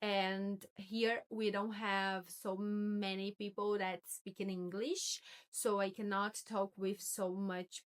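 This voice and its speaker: A woman's voice: medium pitch, level tone, takes it slowly, few pauses, smooth. A woman in her twenties from Brazil, with a Brazilian Portuguese accent, chatting casually in a vlog and often stopping to search for words and correct herself. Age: 20s. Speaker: vlogger.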